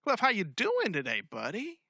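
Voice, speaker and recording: A man with an American accent co-hosting a podcast in casual comedic chat, animated, joking and freely swearing. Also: high-pitched, normal speed, creaky, dry recording, clean studio sound. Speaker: podcast co-host.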